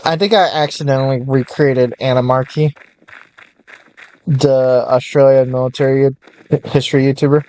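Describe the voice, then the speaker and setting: A man's voice: mid-range voice, fairly even intonation, warm tone. Young man reading game text aloud. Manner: slow storybook reading that breaks into loose, swearing asides. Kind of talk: casual let's-play commentary.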